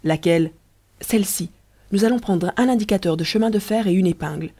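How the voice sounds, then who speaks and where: A reader voicing Riquette, a playful young woman in love, in an audiobook, with a light, eager, mellow voice. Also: mid-range voice, brisk, natural voice. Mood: enthousiaste.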